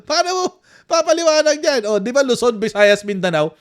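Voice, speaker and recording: A man with a Filipino accent doing casual live-stream commentary, animated and mocking, laughing often. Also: very high-pitched, fairly quick.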